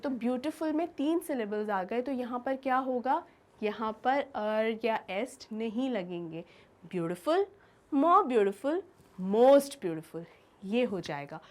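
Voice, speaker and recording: A woman teacher giving a grammar lesson, asking her students questions and answering them herself. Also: a little high.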